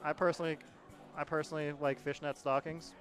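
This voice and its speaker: A man's voice: fairly high pitch, flat delivery, fast, soft background music. A young man co-hosting a radio show in casual banter, playful and easily flustered.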